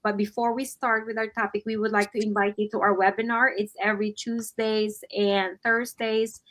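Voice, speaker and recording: A woman's voice: medium pitch, flat delivery, normal speed, a bit bright. A woman from the Philippines hosting an online talk show, chatting casually and using many fillers. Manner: chatty, filler-heavy, easygoing. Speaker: host.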